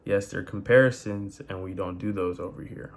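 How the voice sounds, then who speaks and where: A man's voice: low-pitched, normal speed. A young man vlogging, talking casually and rambling with lots of fillers and slang. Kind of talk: casual talk to camera.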